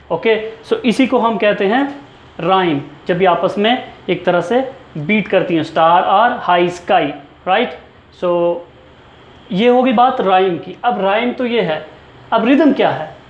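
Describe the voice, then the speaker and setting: A high-voiced man with an Indian English accent teaches literature, moving between Hindi and English. He explains each point patiently and puts questions to his students. The sound is roomy and a little muffled. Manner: explains slowly and asks the class questions. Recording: echoey room, dull sound.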